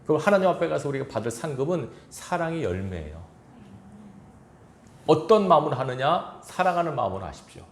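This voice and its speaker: A man's voice: on the high side, big pitch swings, normal speed, long pauses, roomy sound, a little hiss or hum. A man preaching a sermon as pastor of a church, earnest and exhorting, with chuckles and quoted asides. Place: church sanctuary.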